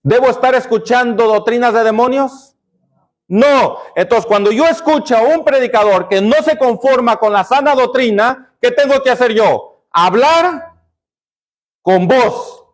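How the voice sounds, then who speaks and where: A male pastor preaching with a notably high voice. He drives the sermon by firing questions at the congregation and supplying the answers, dropping lower for emphasis. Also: normal speed. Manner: call-and-response questioning of the congregation.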